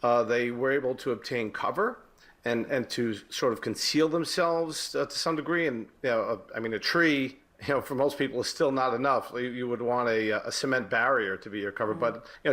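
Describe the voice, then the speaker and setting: In a live news interview, this former police detective explains things in a halting way. He has an American accent and a mid-range voice with a fairly bright tone.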